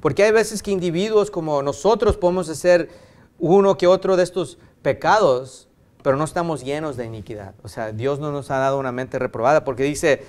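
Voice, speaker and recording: Man preaching, fairly high voice, emphatic, repetitive, conversational asides, middle-aged. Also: fairly quick, a little mellow. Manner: retells family anecdotes in conversational tone. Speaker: pastor. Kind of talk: sermon.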